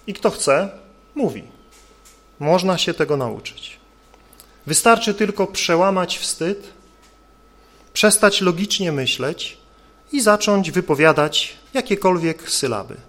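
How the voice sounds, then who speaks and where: A man's voice: sits high, animated, slow pace, pauses often, a bit bright. A male preacher delivering an earnest sermon, building his points with rhetorical questions.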